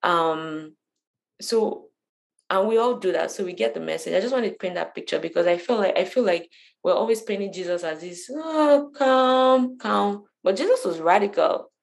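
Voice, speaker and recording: A woman's voice: on the low side, fairly quick, creaky, darkish tone, rough recording. A woman leading a casual bible study teaching, conversational and emphatic, often repeating phrases to drive a point home.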